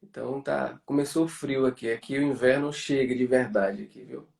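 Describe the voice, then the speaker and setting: A man from Bahia with a Bahian Brazilian accent, hosting a casual online conversation in a halting way, repeating words as he thinks. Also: medium pitch, gravelly, darkish tone. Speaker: host of a live online interview show. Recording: roomy echo, distant microphone.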